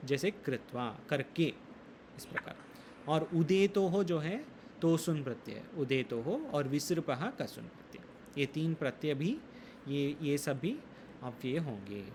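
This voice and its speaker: A man teaching a Sanskrit grammar lesson, explaining rules slowly, reciting sutras and quizzing his students. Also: on the high side, lively intonation, darkish tone, slight background noise. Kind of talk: classroom lesson in Hindi.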